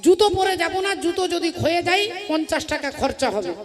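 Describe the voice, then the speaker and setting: A woman's voice: extremely high pitch, a little fast. A woman voicing a stingy, stubborn old man of seventy-five who refuses every expense, in a devotional story. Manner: flat refusals, counting every rupee. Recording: long hall reverb with loud music.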